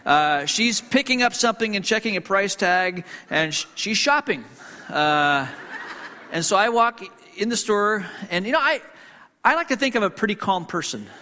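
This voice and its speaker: A man's voice: high-pitched, expressive, moderate pace, pushed and bright. A man who grew up in Hong Kong, preaching to a congregation as a pastor. He tells a story conversationally, with frequent fillers, restarts and self-deprecating humor. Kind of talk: sermon storytelling. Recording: long reverb in a hall.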